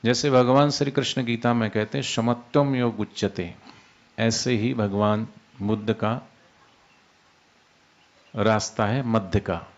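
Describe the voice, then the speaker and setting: A man giving an unhurried devotional discourse as a spiritual teacher, explaining with everyday examples. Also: mid-range voice, fairly even intonation, dull audio. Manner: unhurried, explains with everyday examples, demonstrates soft and loud speech.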